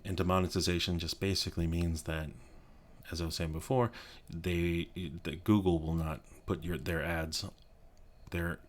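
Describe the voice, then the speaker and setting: A deep-voiced man in his thirties from Colorado speaks softly in an ASMR chat for his YouTube channel, recorded in his home office. He rambles and halts with many restarts and fillers, keeping quiet so he doesn't wake a child.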